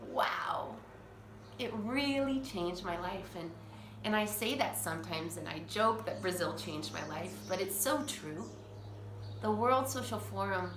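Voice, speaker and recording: Speaking her mind in a personal vlog, this thirtysomething language coach, whose first language is English, talks earnestly through her restarts. Her medium-pitched voice is a bit bright, and the echoey room carries faint ambience plus slight hiss or hum.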